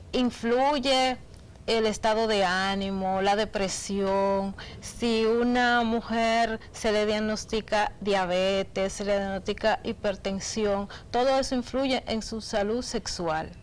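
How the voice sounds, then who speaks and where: A woman doctor answering health questions on a radio show, halting and often adding "¿no verdad?". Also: medium pitch, a little hiss or hum, rough recording. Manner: slow, halting, tags "¿no verdad?". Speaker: physician guest.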